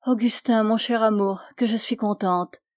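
A woman reading the part of an ailing young woman in love, soft and wistful. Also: on the high side, steady tone, normal speed, no room sound, studio quality, lightly acted.

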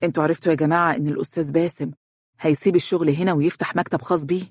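The narrator voicing a sly young male co-worker who talks fast and mockingly, in Egyptian Arabic. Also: medium pitch, fairly even intonation, husky, no echo, studio quality, close to an everyday voice. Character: young man co-worker, sly and money-minded.

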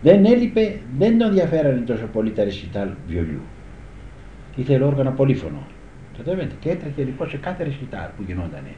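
With a mid-range voice that leaps dramatically up and down, an older guitar teacher reminisces at length, repeatedly checking that listeners understand. Slight background noise sits under the echoey, dull old-tape recording.

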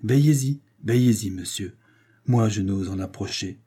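A man's voice: on the low side, unhurried, dark tone, slightly rough. A man reading aloud, voicing an intense young Venetian swordsman who barks commands in a fight and turns distraught. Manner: urgent commanding fencing coach, later distraught.

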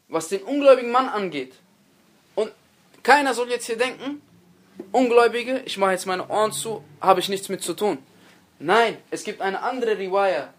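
Earnest high-voiced male preacher. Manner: earnest preaching with dramatic emphasis on quoted speech; repeats key phrases and addresses listeners directly. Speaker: lecturer. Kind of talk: religious lecture.

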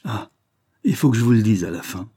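A man reading aloud voices a blunt, lovesick peasant farmer who rolls his R and blurts his words out in rushes. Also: on the low side, animated, mellow, no echo, studio quality. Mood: pleading.

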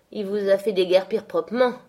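A woman's voice: mid-range voice, a little slow, mellow, close to an everyday voice. Woman reader as a gloating, rustic old male servant in a storybook.

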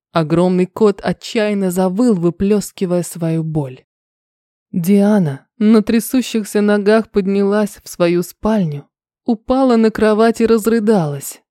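A woman narrating an audiobook in a calm, measured reading voice. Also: medium pitch, no room sound, studio quality.

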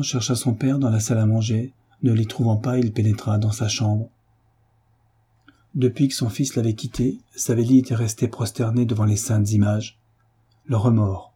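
A man narrating a classic novel in a measured, solemn audiobook reading. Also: fairly low pitch, warm tone, husky. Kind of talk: scripted literary narration.

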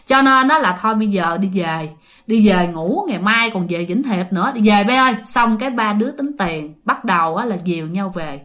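A woman's voice: medium pitch, expressive, normal speed, a bit bright. A woman with a Southern Vietnamese accent telling a ghost story in a chatty, filler-heavy way, often addressing her listeners. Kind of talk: casual ghost story narration.

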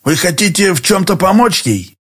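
A man's voice: high voice, big pitch swings, normal speed, slightly rough, voice pushed up, full character voice. A man doing a raised, falsely polite tenant. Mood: wary, curt. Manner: falsely polite, turning curt and wary. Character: smooth-then-suspicious middle-aged male tenant.

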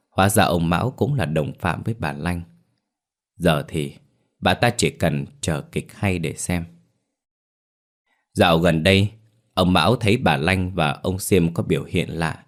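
Deep-voiced man narrating a ghost story. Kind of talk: scripted horror story narration.

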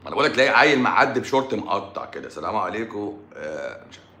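Combative Egyptian man, bright echoey voice. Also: sing-song, racing. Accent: Egyptian Arabic. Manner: mocking and combative, swinging between loud outbursts and low muttering. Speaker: doctor hosting a live stream. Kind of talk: heated live-stream rant answering comments.

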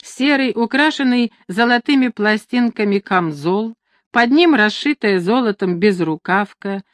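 A woman reading a historical novel aloud, narrating in an even, expressive storytelling manner. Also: fairly high pitch, measured pace, dry recording. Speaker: audiobook narrator. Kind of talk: scripted narration.

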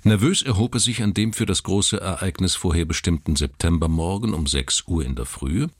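A man narrating a literary story in a measured, dramatic reading. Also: low-pitched, husky, no room sound, clean studio sound.

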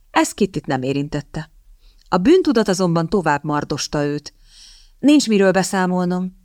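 A woman narrating an audiobook in a calm, even storytelling manner. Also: fairly low pitch, dry recording, clean studio sound. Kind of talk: scripted narration.

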